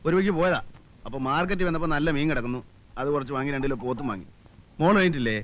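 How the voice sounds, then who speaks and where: A man playing a brash village schemer with a high, bouncing voice that races along. His bright, glib banter is full of swagger, and soft film music plays underneath. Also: animated, very fast, natural voice. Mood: jokey. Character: scheming, cheeky middle-aged village man. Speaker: film character, a hired hand. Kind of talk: 1990s film comedy acting.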